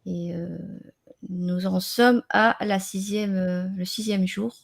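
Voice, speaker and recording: A woman hosting a casual open-line radio show, speaking haltingly and repeating words as she searches for them. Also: mid-range voice, steady tone, vocal fry. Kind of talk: casual live chat.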